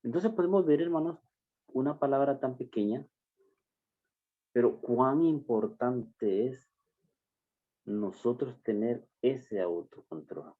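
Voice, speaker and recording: A man preaching a sermon, addressing the congregation as brothers and stressing phrases slowly and emphatically. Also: medium pitch. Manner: slow, emphatic preaching with drawn-out words. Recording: dull lo-fi recording.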